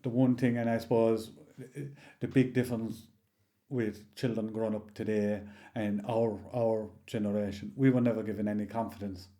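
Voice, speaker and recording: A man in his sixties with a rural County Limerick Irish accent, telling anecdotes in a halting, rambling, casual way. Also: fairly low pitch, level tone, dark tone. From County Limerick, Ireland. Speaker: interview guest, local storyteller. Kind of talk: oral history reminiscence, casual storytelling.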